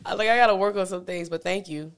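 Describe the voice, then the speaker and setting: A woman's voice: medium pitch, fast, clean tone. A woman who founded a small business, talking casually as an interview guest, laughing often. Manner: laughs often, relaxed and conversational.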